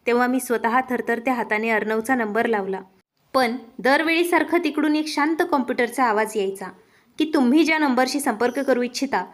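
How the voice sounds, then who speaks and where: A woman tells a heartfelt first-person story in a steady narrating voice. She speaks earnestly and dwells on the feeling in each line. Her voice sits a little higher than most women's.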